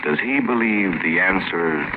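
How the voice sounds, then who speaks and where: A man's voice: deep voice, animated, a little slow. Man announcing an old radio show. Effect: old radio broadcast sound. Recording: tinny, hissy old radio recording.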